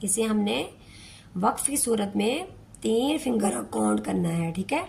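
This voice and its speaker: A woman's voice: medium pitch, lively intonation, creaky, a little mellow, a little hiss or hum. A woman teaching Quran recitation step by step, patiently repeating each word and drawing out the recited lines. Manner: patient, repeats words slowly, recites in a drawn-out chant. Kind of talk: slow step-by-step tajweed lesson.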